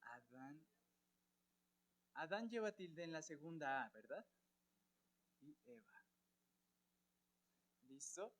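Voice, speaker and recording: A man's voice: a little high, animated, takes it slowly, pauses often, fairly bright tone. A man with a Colombian Spanish accent teaching a church Bible class, often checking in with his students and asking them questions.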